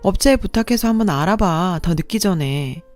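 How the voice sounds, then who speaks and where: A woman voicing an older female coworker who gives blunt, lowered advice in confidence. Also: expressive, moderate pace, a little mellow, soft background music, close to an everyday voice. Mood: worried.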